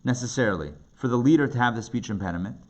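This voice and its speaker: A rabbi with a medium-pitched voice talks rapid-fire through an interactive lecture, rendering commentaries in plain speech. He's emphatic, repeating phrases and asking rhetorical questions before a class of participants indoors. Recorded live in the classroom, with background noise.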